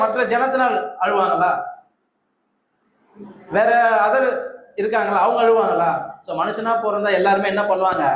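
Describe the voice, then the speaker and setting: A man's voice: sits high, a little hiss or hum. A man preaching a conversational sermon in a church, quizzing the congregation with questions and waiting for their answers. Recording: echoey hall with faint ambience.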